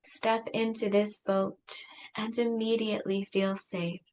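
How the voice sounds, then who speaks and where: A woman leading a guided meditation, speaking softly and soothingly with long pauses. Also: medium pitch, little pitch movement, a little hiss or hum, rough recording.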